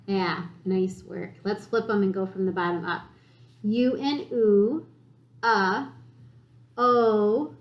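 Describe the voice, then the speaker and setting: A woman teacher giving a recorded phonics lesson to young children, sounding out letters slowly and encouragingly. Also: a little high, a bit bright, highs cut off. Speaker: elementary school teacher. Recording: echoey room.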